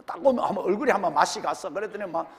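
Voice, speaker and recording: A man's voice: high voice, lively intonation, rapid-fire, in a large hall, a little hiss or hum. A male senior pastor with a Gyeongsang accent, preaching a sermon and firing rhetorical questions at his congregation. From Gyeongsang region, Korea. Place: church sanctuary.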